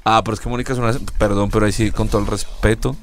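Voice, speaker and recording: A man's voice: lowish voice, little pitch movement, very fast, faint music behind. A man co-hosting a podcast, chatting in a playful, teasing way and laughing often. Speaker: podcast co-host. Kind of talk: casual joking chat.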